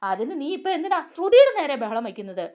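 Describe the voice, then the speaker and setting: A woman's voice: high-pitched, very animated, fast talker, darkish tone. A woman voicing a stern grown man who scolds and questions a younger relative.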